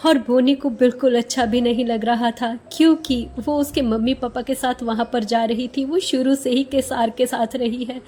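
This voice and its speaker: A woman narrating a manhwa recap in an expressive, dramatic storytelling manner. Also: a little high, moderate pace, hardly any pauses, slight background noise.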